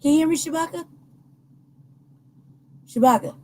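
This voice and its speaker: A woman's voice: high-pitched, normal speed. A woman on a crackly phone line that fades in and out, talking bluntly in a casual panel chat. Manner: blunt, cursing, laughing asides. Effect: crackly phone line fading in and out.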